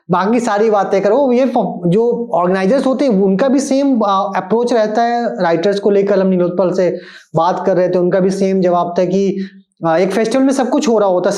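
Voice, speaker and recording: A man's voice: high voice, dark tone, roomy sound. A man hosting an interview, asking long, searching questions. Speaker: interview host. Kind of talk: interview conversation.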